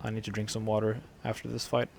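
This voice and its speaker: Gravelly-throated man commentating a duel. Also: fairly low pitch, quick pace, a little hiss or hum. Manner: rambling, relaxed, many fillers. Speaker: gameplay commentator. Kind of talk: casual game commentary.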